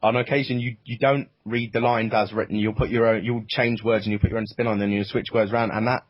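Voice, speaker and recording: A young man with a low, husky voice talks in a halting, casual way and keeps restarting his sentences. The sound is dull and lo-fi. It is recorded dry, with no room echo. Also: little pitch movement. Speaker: writer and producer of an audio drama. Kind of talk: casual interview chat.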